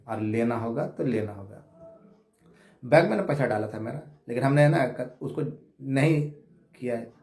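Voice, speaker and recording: A man giving a heated monologue from his home prayer room, combative, insulting his rivals and swinging between shouting and low muttering. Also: vocal fry, echoey room. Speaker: online commentator appealing to viewers.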